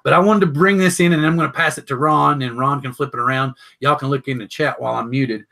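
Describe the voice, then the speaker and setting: A man's voice: mid-range voice, steady tone, vocal fry, pushed and bright. A man co-hosting an online chat show, steering the questions and passing turns to the others. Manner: brisk, runs the segment and hands off questions. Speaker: co-host.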